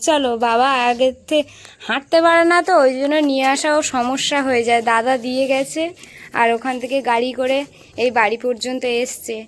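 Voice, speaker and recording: A woman's voice: sits high, steady tone, a little fast. A young woman chatting casually to her viewers while filming her family home and garden. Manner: chatty, talks straight to viewers. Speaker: vlogger.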